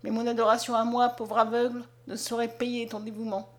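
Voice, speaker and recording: Soft sorrowful blind peasant youth for a storybook reading, read by a woman; fairly high voice, hushed and tender. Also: flat delivery, a little fast, lightly acted. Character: gentle blind young peasant man, sorrowful. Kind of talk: audiobook character reading.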